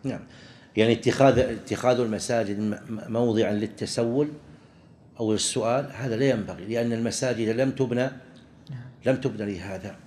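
A man, a religious teacher explaining a legal text to students, halting and often restarting his words. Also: medium pitch, a little mellow, a little hiss or hum. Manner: halting, with frequent restarts and pauses.

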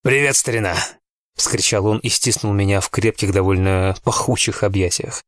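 A man narrating a novel in the first person in a steady, tense storytelling manner. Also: low-pitched, normal speed, no echo, studio quality. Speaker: audiobook narrator.

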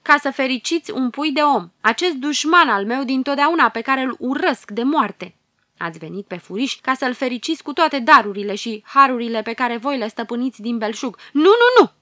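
A shrill, hissing old witch full of hatred, ranting and cackling at top volume. The voice is bright and piercing, in a close, dry storybook recording. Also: lively intonation, no room sound. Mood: furious. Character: evil old hunchbacked witch, hateful.

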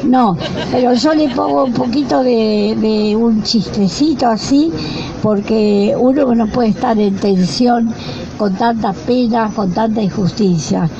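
A woman's voice: fairly high pitch, unhurried, background noise. An older woman hosting a weekly outdoor protest, talking with a wry touch of humor. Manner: wry, adds a bit of humor. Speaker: rally host. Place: outdoor plaza with a crowd. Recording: dull lo-fi outdoor recording with crowd.

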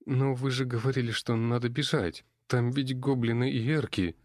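A man's voice: mid-range voice, lively intonation, normal speed, a little mellow, no echo, studio quality, voice pushed up, lightly acted. A man voicing a frightened young half-elf girl who speaks timidly and pleads, in an audiobook. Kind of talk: audiobook character voice.

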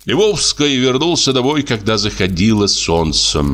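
A man reading a classic short story aloud in a measured, expressive audiobook narration. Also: medium pitch. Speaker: audiobook reader.

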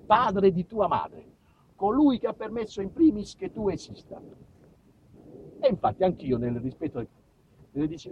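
With a high voice and a southern Italian accent, a storyteller from southern Italy performs a theatrical, colloquial monologue about his life, shifting his delivery dramatically. Background noise is present, and the stage recording is dull, lo-fi and distant from the mic.

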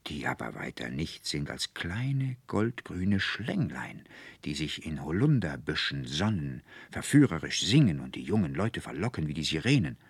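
A man's voice: deep voice, husky, no echo, full character voice. A man voicing a feverish, dreamy young student. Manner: excited, rhapsodic.

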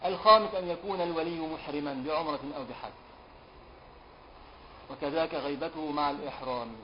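An Egyptian sheikh with a fairly high voice teaches a class. He draws out memorized verses in a slow chant, then switches to quick, colloquial questions for his students. The lecture recording is dull and lo-fi, with a faint hiss behind him. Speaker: sheikh teaching a religious law text.

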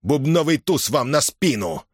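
A man voicing a drunk, bald older Cossack who scolds and shouts at his guests. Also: medium pitch, sing-song, a little slow, no echo, studio quality, pitched above the performer's own voice. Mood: shouting.

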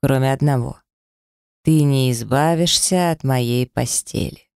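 A storyteller voicing an earnest, good-natured young man in love, speaking gently. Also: mid-range voice, measured pace, creaky, clean tone, no room sound, clean studio sound.

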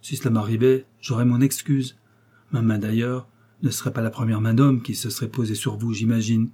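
A man voicing a cold, mocking English lord who speaks with sardonic, quietly menacing calm; his voice is husky. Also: mid-range voice, brisk, natural voice. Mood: contemptuous.

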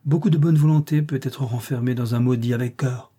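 Male reader as reserved young governess, audiobook, mellow breathy voice. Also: medium pitch, fairly even intonation, brisk, lightly acted. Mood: firm. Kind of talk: audiobook reading.

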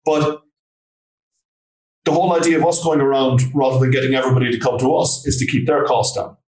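Far from the mic in a reverberant room, a Galway man with a west of Ireland accent speaks briskly in a mid-range, slightly mellow voice with a steady tone. He's a trainer and consultant being interviewed, and he replies in an informal, plainly worded, conversational way.

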